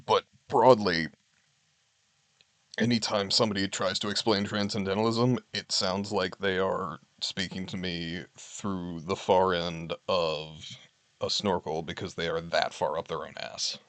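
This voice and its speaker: A low-voiced man speaks a little slowly in a level, slightly bright tone, captured in a dry recording. He's streaming from home, reading list entries aloud and commenting on each with candid, wry ease as he chats with viewers.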